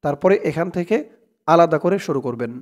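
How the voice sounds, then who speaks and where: Animated and fairly high in pitch, a man with a Bangladeshi Bengali accent leads a slow prayer lesson. He spells the words out letter by letter and stretches them into a chanted recitation, pausing for brief, quick explanations.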